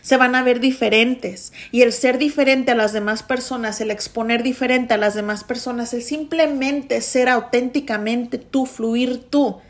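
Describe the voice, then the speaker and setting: A woman's voice: fairly high pitch, steady tone, a little slow, few pauses. Intense, emphatic woman podcaster. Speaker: podcast host. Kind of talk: motivational podcast monologue.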